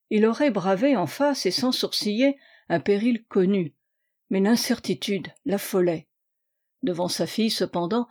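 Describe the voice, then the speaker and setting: A woman narrating a classic novel aloud in a measured, even manner. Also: mid-range voice. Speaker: audiobook reader. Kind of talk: scripted narration.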